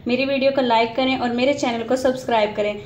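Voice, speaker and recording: A woman hosting a cooking channel, calmly narrating a recipe step by step as she cooks in a home kitchen. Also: on the high side, fast talker. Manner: calm, methodical, walks through each step. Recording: echoey kitchen with background noise.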